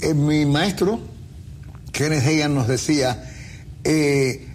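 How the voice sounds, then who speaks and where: Man preaching on a faith q&a show, kinda high voice, faint hum behind. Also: takes it slowly, a little mellow. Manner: preachy, uses everyday comparisons. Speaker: pastor co-host. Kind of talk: faith talk show answering questions.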